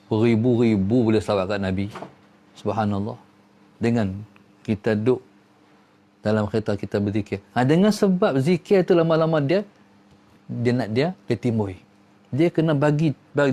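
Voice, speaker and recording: A man teaching a religious lesson in a mellow, warm voice. He drops to soft, low murmurs, then jumps up to sharp, high exclaims, and he works Arabic prayers into his talk.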